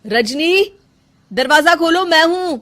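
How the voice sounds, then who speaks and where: A woman's voice: extremely high pitch, animated, slow pace, fairly bright tone, pitched above the performer's own voice, heavily acted. A woman voicing an earnest young husband in a cartoon story, pleading in a raised voice.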